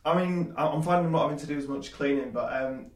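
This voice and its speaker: A man's voice: fairly high pitch, quick pace, roomy sound. A man in his twenties with a Yorkshire accent, a guest in a casual interview, rambling with many fillers and restarts. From Leeds, England. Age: 20s. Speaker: guest, small business owner.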